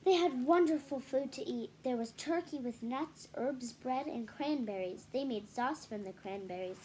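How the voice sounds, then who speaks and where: Reading a picture book to children, this storyteller pauses for casual asides that explain things to young listeners. Her high voice has a darkish tone and normal speed, with slight background noise.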